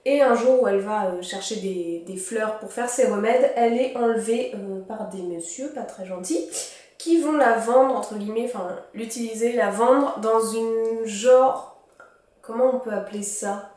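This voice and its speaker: A woman's voice: fairly high pitch, measured pace, darkish tone. A young woman in her twenties, a student, chatting casually and rambling through a book haul with many fillers. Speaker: book vlogger. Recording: echoey room.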